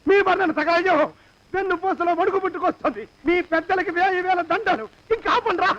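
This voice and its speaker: A panicky stingy landlord. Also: male voice, extremely high pitch, a little fast, a bit bright, lo-fi sound. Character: cowardly stingy middle-aged male landlord. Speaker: miserly landlord. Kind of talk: film comedy acting.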